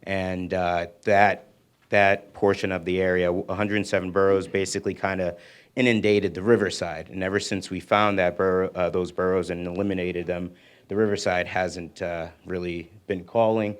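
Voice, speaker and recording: A man with a very deep, flat voice explains things to residents at a community meeting. His talk is casual and full of fillers. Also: normal speed, smooth. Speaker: city official presenting at a community meeting. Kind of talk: informal presentation.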